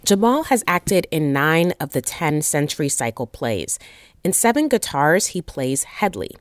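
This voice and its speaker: A woman reporting for radio, reading a scripted narration in an expressive, clear manner. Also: low voice, a little slow, no room sound. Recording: dry close-mic voice-over.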